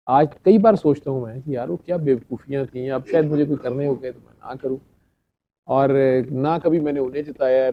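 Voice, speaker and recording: A middle-aged man tells a chatty anecdote to a gathering, acting out the dialogue and laughing between lines. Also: mid-range voice. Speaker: speaker addressing a gathering. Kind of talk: storytelling talk. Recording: dull lo-fi sound.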